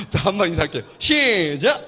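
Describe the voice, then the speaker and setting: A male pastor with a high voice leads a church service at a slightly slow pace, joking with the congregation and coaxing them to greet one another and answer back. He sounds energetic, and there's slight background noise.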